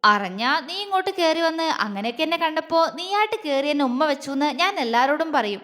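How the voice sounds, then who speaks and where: Woman reading a cocky young guy in a storybook, sneering and taunting, high voice, long reverb. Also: lively intonation, brisk, a bit bright. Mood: mocking. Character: arrogant, mocking young man.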